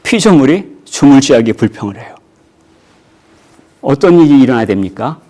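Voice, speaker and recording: Male pastor, mid-range voice, preaches in church with rhetorical questions and sudden loud jumps. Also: medium pitch, sing-song, moderate pace. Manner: rhetorical questions, voice jumping up when acting out quotes. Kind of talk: sermon.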